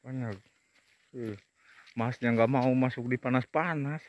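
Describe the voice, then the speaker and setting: This outdoor vlog follows a man strolling among oil palms, talking easily while he hums frequently and drags out repeated words. He speaks at a medium pitch in a steady tone.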